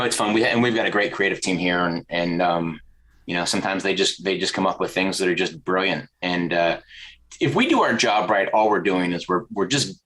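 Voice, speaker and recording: This deep-voiced man from the American South is a creative director being interviewed as a podcast guest. In a casual chat he tells animated stories and acts out the voices of the people he quotes. The recording is rough.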